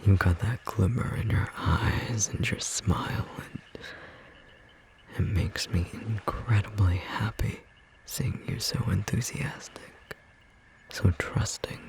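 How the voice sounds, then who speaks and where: Heavily acted and low-voiced, the performer whispers gently, breathily and a bit roughly as a devoted magical bookstore clerk in an intimate ASMR romance roleplay. Long pauses stretch between lines, and the feeling is tender and adoring.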